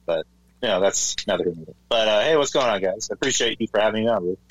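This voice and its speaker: A man with a lowish voice comes through a phone mic on a video call, hollow and cave-like, as if from a distance. His talk is easygoing, with quick joking asides. The sound is a little distant, but his words carry without trailing reverb. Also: animated. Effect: hollow, cave-like phone mic over a video call. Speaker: guest podcaster. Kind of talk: casual podcast chat. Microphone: phone mic over a video call.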